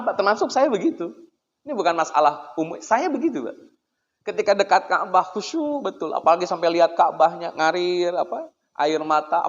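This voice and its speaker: A male Islamic preacher with a high-sitting voice gives a chatty, conversational religious lecture in a prayer room. He poses rhetorical questions and keeps calling listeners "sir," and the echoey hall recording sounds dull and lo-fi.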